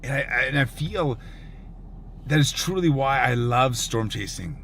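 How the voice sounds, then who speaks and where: A man speaks reflectively and earnestly, repeating phrases for emphasis as if in awe. His voice is mid-pitched with a noticeable gravelly fry, over faint background noise. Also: expressive, a little slow, fairly bright tone. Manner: earnest, awed, emphatic with repetition. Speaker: storm chaser. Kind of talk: reflective personal storytelling.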